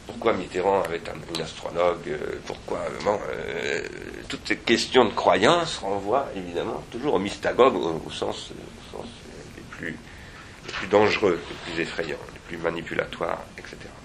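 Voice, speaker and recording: A man with a deep voice and a bright, forceful edge talks through ideas at an academic seminar. He is digressive and reflective, and often hesitates and restarts his phrases. He is speaking in a seminar room, with faint ambient noise behind him. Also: normal speed, creaky.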